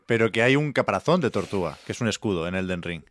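A man co-hosting a podcast in casual chat, mostly chiming in with short reactions and quick questions. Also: on the low side, animated, a bit bright, no room sound, studio quality. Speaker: podcast co-host.

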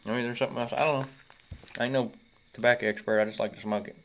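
Casual vlogger: easygoing twenties male, Southern Kentucky accent, medium pitch, musing around a pipe held in his mouth. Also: steady tone, rapid-fire, vocal fry, noisy background. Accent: Kentucky Southern American. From Kentucky, United States. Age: 20s. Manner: laid-back, musing, folksy. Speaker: pipe-smoking reviewer. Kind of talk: casual rambling review vlog. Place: small room indoors. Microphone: phone at arm's length.

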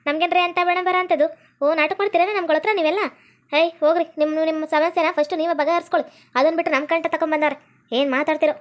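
A woman with a North Karnataka Kannada accent playing a stern police officer who scolds and threatens in a rapid way. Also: very high voice, fairly even intonation. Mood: scolding.

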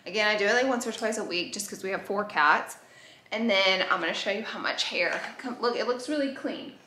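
A lifestyle vlogger in her thirties talks directly to viewers in a bubbly, casual way, a little fast and at medium pitch, as she moves through a bright open-plan living room and kitchen. A camera mic picks her up from a distance, so the large room adds a roomy echo along with a little hiss or hum.

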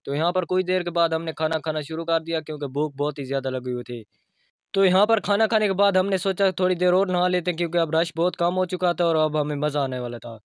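Quick-talking young Pakistani vlogger man. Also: fairly high pitch, clear, resonant tone, no echo, clean studio sound. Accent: Pakistani Urdu. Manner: friendly, casual storytelling. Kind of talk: vlog voice-over narration.

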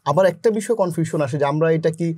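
A man interviewing a guest, quick and courteous, with a husky, slightly high voice. He talks fast and the sound is dry and close. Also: darkish tone, no room sound. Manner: polite questioner addressing the guest as sir, quick affirmations. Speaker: interview host. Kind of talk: casual interview talk.

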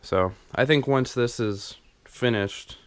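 A young man, a DIY home renovation vlogger, casually talks through his unfinished basement while filming with a handheld camera as he walks, rambling with ums and restarts. His medium-pitched voice is slow and smooth. There's no room sound.

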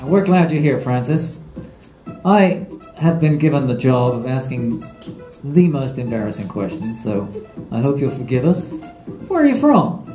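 Man, middle-aged, teasing co-host, mellow lower tone, echoey studio. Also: very animated, a little slow, faint music behind. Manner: playful, teasing. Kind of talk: joking interview hosting. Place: small studio set with couches. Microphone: handheld mic.

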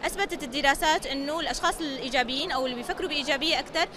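A woman speaks very fast in a high voice. She explains things like a lecturer, with frequent fillers. Loud background noise from a busy exhibition hall runs under her handheld-microphone interview. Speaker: psychological support worker, lecturer. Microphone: handheld interviewer mic.

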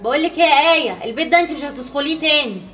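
A woman's voice: high voice, lively intonation, racing, a bit bright. A woman acting a pregnant wife in a family drama sketch, curt and scolding as she turns someone away. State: pregnant, tired. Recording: echoey room from far off.

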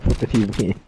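A young man in casual gaming voice chat, laid-back, chatty and mildly sweary, over a noisy connection. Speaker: online gamer.

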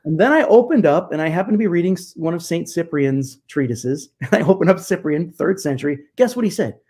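Animated middle-aged man on a video call. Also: on the high side, brisk. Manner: animated, gestures with hands, emphatic rhetorical questions. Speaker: guest church historian. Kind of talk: conversational interview over video call. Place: home study with bookshelves. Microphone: video call webcam.

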